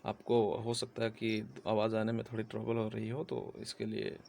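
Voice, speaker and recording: A man's voice: on the low side, monotone, moderate pace, creaky, darkish tone, slight background noise. A man with a sore throat giving a chatty civil engineering lecture, often checking in with his listeners. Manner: chatty, repeats "theek hai" often. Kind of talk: casual Hindi classroom lecture.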